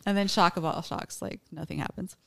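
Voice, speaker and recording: This podcast host is a woman with a fairly low, gravelly voice who talks a little fast. Retelling a true crime case casually, she laughs easily and fills her speech with "like" and "um."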